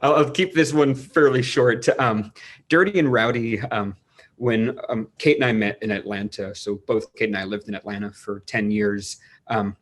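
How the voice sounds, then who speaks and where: Lower-voiced excited winemaker man, 40s. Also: normal speed. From New England. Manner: enthusiastic, rambling explanations with many restarts. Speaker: winemaker guest. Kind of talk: casual interview over a video call.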